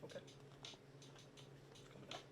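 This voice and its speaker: In a short film scene, a male actor plays a talkative, awkward server who is also an eager fan, rambling and stammering through plenty of fillers. His voice is a little slow and close to everyday speech, with a noisy background.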